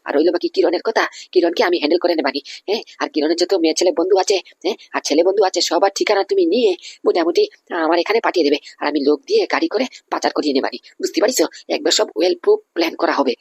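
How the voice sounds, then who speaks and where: A woman voicing a cocky, scheming male groom in a Bengali animated comedy, bossy and full of fillers. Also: on the low side, rapid-fire, gravelly, breathy edge, no room sound, full character voice.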